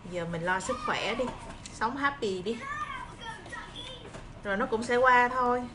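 A woman's voice: on the high side, a little slow. A woman in her thirties from Vietnam with a southern Vietnamese accent, chatting casually and reassuringly to viewers into a phone in a small room. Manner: encouraging, reassuring. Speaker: livestream host. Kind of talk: casual chat to viewers while eating and preparing fruit. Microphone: phone propped at arm's length. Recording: clear background noise, phone video.

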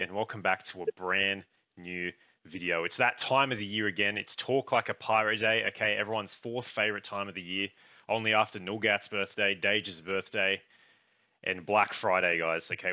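A man's voice: lowish voice, sharp tone, dry recording. A young man hosting a casual gaming video, talking loosely to viewers and swearing offhandedly. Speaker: YouTube host. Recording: dull lo-fi sound.

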